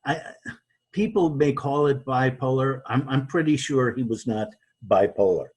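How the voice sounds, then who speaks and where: A man being interviewed as a guest, talking in a halting way with many restarts and repeated words. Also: mid-range voice, darkish tone, husky. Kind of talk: conversational interview.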